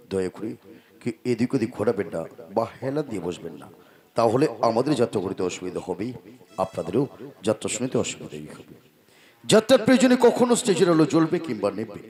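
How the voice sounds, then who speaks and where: A man's voice: on the low side, warm tone. A man making formal, declamatory announcements for a folk theatre show, stretching out key phrases over a live PA. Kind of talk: theatrical stage announcement before a folk play.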